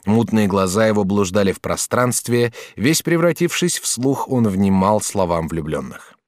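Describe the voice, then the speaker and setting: A man narrating an audiobook novel with expressive storytelling. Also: fairly low pitch, moderate pace, no room sound, studio quality. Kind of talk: scripted narration.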